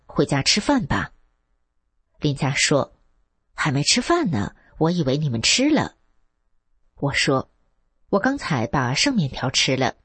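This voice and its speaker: A voice reading a first-person article aloud in a steady, plain manner. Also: mid-range voice, breathy edge, dry recording.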